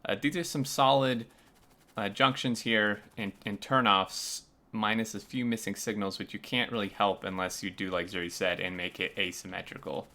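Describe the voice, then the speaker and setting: A man with a low but bright and forceful voice hosts a laid-back game design review. He chats loosely, often pausing on filler sounds as he walks through each build. His pitch sits on the low side. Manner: relaxed, many uh fillers. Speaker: host. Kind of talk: casual gameplay review chat.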